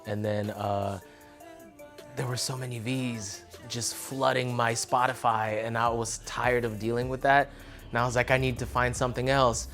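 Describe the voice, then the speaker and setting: A young man from Russia, a musician, talking casually in an interview, relaxed and rambling with lots of fillers. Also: mid-range voice, normal speed, soft background music.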